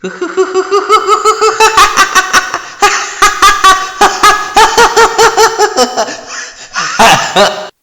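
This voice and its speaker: Manic clown supervillain: taunting, theatrical, slow and swinging wildly in pitch, in a reverberant room. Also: male voice, sing-song, pushed and bright, full character voice. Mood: unhinged, coaxing. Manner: taunting, swooping, drawn-out delivery with cackles. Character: manic, mocking male comic-book supervillain clown. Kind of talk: theatrical villain monologue recital. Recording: echoey room with long reverb.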